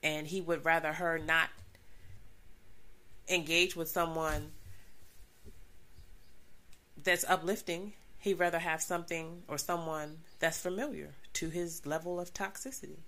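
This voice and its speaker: A middle-aged mother guesting on a casual podcast, calm and measured, with a nasal voice from allergies. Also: sits low. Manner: calm, measured, gently advising. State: suffering from allergies. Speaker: guest co-host, host's mother.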